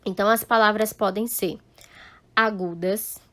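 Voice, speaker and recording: A woman teacher walks a class through a lesson at an unhurried pace. She explains each point patiently and keeps checking that her students follow. Her voice sounds dry and close, with no echo. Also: mid-range voice, fairly even intonation, fairly bright tone. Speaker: Spanish teacher. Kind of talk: recorded online class.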